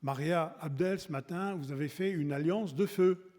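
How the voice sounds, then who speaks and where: A man with a high voice preaches a wedding sermon, his words ringing with a long reverb through the church hall. He talks in a loose, conversational way, often restarting and repeating himself. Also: normal speed, a little mellow. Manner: conversational and repetitive, many restarts and asides.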